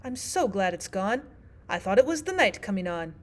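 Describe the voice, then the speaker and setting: A woman's voice: mid-range voice, sing-song, normal speed, natural voice. A woman voicing an earnest, polite seven-year-old storybook girl with a questioning manner.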